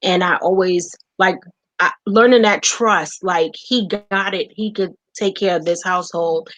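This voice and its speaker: A woman's voice: lowish voice, a little slow, a bit bright, low-quality recording. Candid woman sharing her story. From United States. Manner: candid, acts out quotes. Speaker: guest, wife. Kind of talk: personal storytelling.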